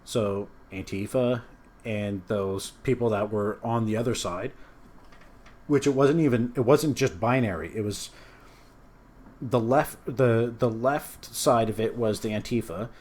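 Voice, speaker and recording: A man's voice: lowish voice, unhurried, darkish tone. A man hosting a casual news commentary show, talking in a loose, rambling way with frequent restarts. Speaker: show host.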